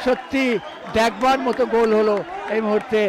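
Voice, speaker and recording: Very high-pitched man commentating football. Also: steady tone, fairly quick. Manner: emphatic, exclaiming on shots and goals. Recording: noisy outdoor ground with crowd din. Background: crowd and ambient stadium noise.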